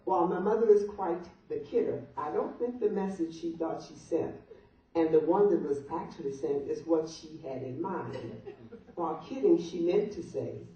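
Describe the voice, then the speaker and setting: At a birthday party in a big, echoey room, an older female guest reader delivers a funny open letter to those gathered. Her low-pitched voice is mellow and paced normally, though the distant mic leaves the sound muffled, noisy, and very reverberant.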